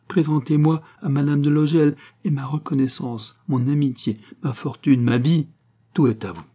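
Man doing a theatrical lovesick young gallant, pleading, dark husky tone. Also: fairly high pitch, steady tone, moderate pace, pitched above the performer's own voice, close to an everyday voice. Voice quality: impassioned, pleading, florid.

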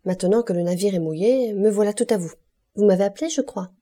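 A woman's voice: medium pitch, quick pace, mellow, lightly acted. A woman reading the lines of an eager, courteous young male ship's mate in an audiobook. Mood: earnest.

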